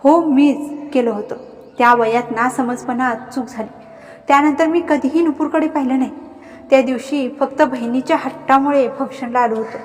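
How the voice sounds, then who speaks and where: Pleading captive male villain, voiced by a woman, whining, high, reverb, soft music. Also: normal speed, lightly acted. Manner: begging, whining. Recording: reverberant, faint background music.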